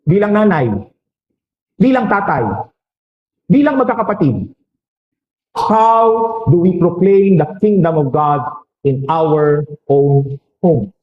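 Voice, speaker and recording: Filipino priest giving a sermon, high voice, echoey church, joking around with the crowd. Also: male voice, expressive, dull audio. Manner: preaching with rhetorical questions and quick jokes.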